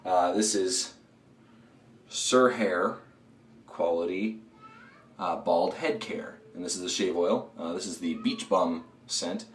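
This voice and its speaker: A shaving video host, a man whose low voice is hoarse from a throat cold, casually reviews a product while shaving, relaxed and rambling with lots of ums and uhs. He speaks slowly with long pauses, standing somewhat far from the mic in a tiled bathroom, so his voice echoes and reverberates. Faint running water and household noise can be heard behind him.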